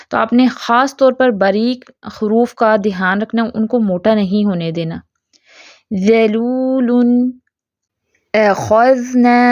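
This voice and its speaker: A woman teacher explains pronunciation with a patient, steady manner. Her voice sits a little high. The recording is dry and a bit muffled and lo-fi. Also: dry recording. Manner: patient, explanatory, models sounds slowly and repeats them. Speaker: Quran recitation teacher. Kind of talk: tajweed lesson with recited examples.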